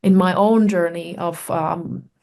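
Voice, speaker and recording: Speaking with a low, mellow voice and fairly even intonation, a Finnish-born woman, a researcher and author appearing as a guest, reflects through conversational stories. She pauses often and leans on fillers while searching for words.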